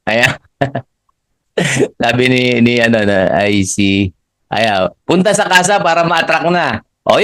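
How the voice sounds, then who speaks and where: Middle-aged male trainer, lively and fairly high-voiced, leads group affirmations with frequent laughter. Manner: animated, laughing often, swings pitch up for emphasis; leads the audience in spoken affirmations. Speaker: motivational trainer. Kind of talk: live training talk, Taglish.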